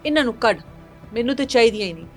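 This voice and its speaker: A woman's voice: on the high side, lively intonation, faint music behind, lightly acted. A woman quoting a harsh elderly stepfather who is scornful of his stepdaughters, in her own voice. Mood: spiteful.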